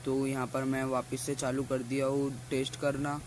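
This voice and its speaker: In a very noisy recording from a busy mall restaurant, a teenage food vlogger from India speaks in a mid-range, monotone voice at normal speed. He's filming a casual review on a phone at arm's length, chatting and repeatedly saying "guys" to his viewers.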